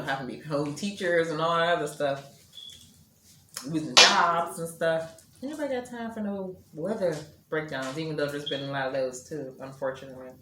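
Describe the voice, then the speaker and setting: A woman's voice: low-pitched, fairly bright tone. A middle-aged woman vlogging a meal at home, chatting casually to viewers and murmuring as she chews. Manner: chatty, chewing and murmuring between sentences. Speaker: mukbang vlogger. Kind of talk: casual chat while eating. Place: indoors at home. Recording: echoey room with faint ambient noise.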